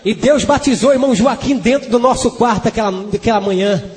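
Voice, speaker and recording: A man's voice: very high voice, quick pace, a little mellow. A man with a Brazilian Portuguese accent, an evangelist giving a fervent testimony and sermon, breaking into tongues as he preaches. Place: church hall. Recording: long hall reverb with faint music.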